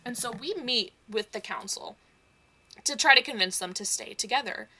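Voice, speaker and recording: A woman casually recapping a tabletop campaign, swearing freely, acting out quoted lines and dropping into quick whispered asides. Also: fairly high pitch, bright, forceful tone.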